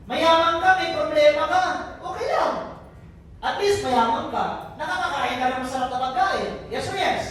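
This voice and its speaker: In an indoor event venue hall with heavy echo, a motivational speaker and business mentor from Albay, Philippines, addresses a live crowd in an expressive, high, slightly bright voice at normal speed. His manner is joking and teasing, and he repeatedly quizzes the audience. The mic is distant and there is a little hiss or hum.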